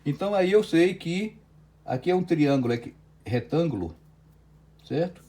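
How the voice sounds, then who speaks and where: His voice is a little high, dark-toned and expressive, moving at a moderate pace as he teaches physics online with a Brazilian Portuguese accent. Step by step he works a problem, often adding "certo?" to check understanding.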